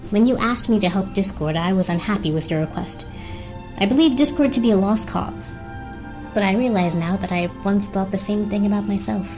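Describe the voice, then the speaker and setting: A woman voicing a stern, earnest pony princess in a dramatic comic reading, speaking in a formal, measured manner. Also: mid-range voice, music in the background, lightly acted, poor audio. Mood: reflective.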